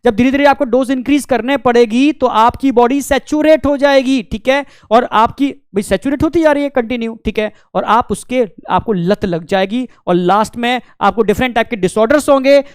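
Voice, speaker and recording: A man's voice: extremely high pitch, moderate pace, clear, resonant tone, dry recording, clean studio sound. A man teaching biology in a casual, conversational lecture, often checking in with his students and acting out quotes from friends. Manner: chatty, keeps asking "ठीक है?", acts out friends' quotes.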